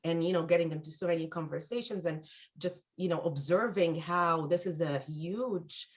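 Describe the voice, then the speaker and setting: A woman's voice: on the low side, moderate pace. Thoughtful, hesitant middle-aged woman from Egypt. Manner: thoughtful, hesitant, many fillers and restarts. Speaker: guest. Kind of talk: conversational interview.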